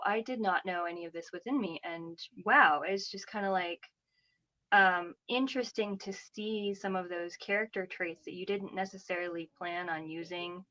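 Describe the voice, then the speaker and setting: A woman's voice: fairly low pitch, sharp tone, muffled recording. A woman author chatting casually about her writing, rambling with lots of fillers. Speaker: author guest. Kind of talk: casual chat.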